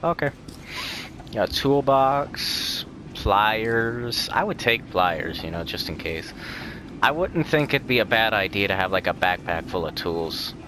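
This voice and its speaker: A young man with a lowish, expressive voice speaks slowly while hosting a relaxed let's-play, with game music and background noise behind him. He rambles and jokes as he goes, frequently catching and correcting himself.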